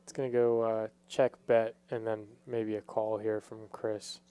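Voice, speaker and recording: Guy doing laid-back poker commentary, soft mellow tone, clean smooth voice, kinda feels his way through sentences. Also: fairly low pitch, little pitch movement, unhurried. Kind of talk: casual live poker commentary.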